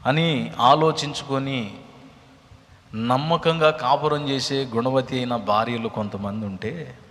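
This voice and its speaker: A man preaching a sermon. He tells stories dramatically and swings from hushed tones to loud ones. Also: mid-range voice, a little slow. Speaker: pastor. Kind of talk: sermon with storytelling. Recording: reverberant hall with music behind.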